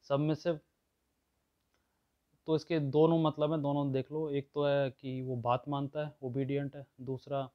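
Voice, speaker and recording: Man teaching vocabulary, lo-fi sound. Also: mid-range voice. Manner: explains words with everyday examples, often checks in with listeners. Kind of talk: explanatory lesson.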